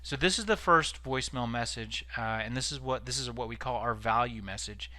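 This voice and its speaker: Bright-voiced male sales trainer. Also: mid-range voice, fairly quick, no room sound. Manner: explanatory, step by step. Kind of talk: instructional presentation, explaining examples informally.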